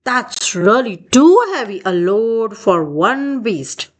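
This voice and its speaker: Reading a children's picture book aloud, a woman uses an expressive storytelling style. Her voice is a little high, and she takes her time.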